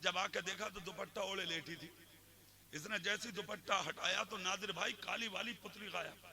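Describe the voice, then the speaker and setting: Gravelly high-voiced man preaching a sermon. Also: normal speed. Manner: swings from soft storytelling to shouted oratory. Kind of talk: Islamic sermon with storytelling. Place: outdoor religious gathering.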